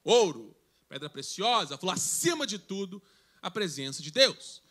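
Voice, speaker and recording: A man's voice: sits high, big pitch swings, normal speed, bright, forceful tone. A man preaching a sermon to a youth service, conversational, reading scripture aloud and joking with the congregation. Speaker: pastor. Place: church service.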